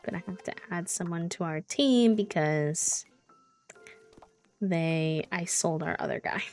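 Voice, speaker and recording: Hosting a charity gaming livestream, a woman chats casually as she plays. Her lowish voice is a little slow and darkish in tone, with music playing behind her.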